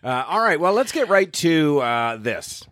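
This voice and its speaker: A man's voice: fairly high pitch, big pitch swings, a little slow. A man hosting a podcast in casual banter, with a dry, teasing, hesitant way of talking. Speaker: podcast host.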